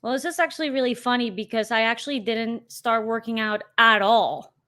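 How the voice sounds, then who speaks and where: A woman's voice: on the high side, fairly even intonation, brisk, sharp tone, a little hiss or hum. A woman in her thirties from Colombia, a podcast guest talking casually and emphatically, with plenty of "you know". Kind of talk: casual interview chat.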